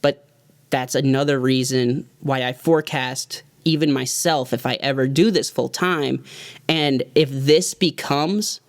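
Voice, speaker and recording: A music producer in his thirties delivers a sincere, heartfelt vlog talk to his viewers, reflective and motivational, drifting loosely from point to point. His mid-range voice stays steady and unhurried, recorded cleanly in a studio with no echo.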